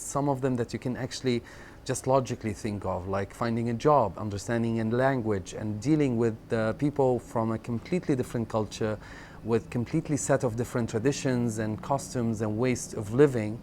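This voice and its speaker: A man in his thirties from Syria, telling his life story in an interview, reflective and halting, often repeating words and pausing on fillers. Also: medium pitch, darkish tone. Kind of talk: personal storytelling in conversation. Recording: faint background noise.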